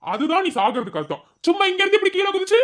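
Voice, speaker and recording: A woman's voice: extremely high pitch, sing-song, racing. A woman voicing a sarcastic, blunt young male college friend in a cartoon, mocking and scolding. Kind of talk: cartoon voice acting.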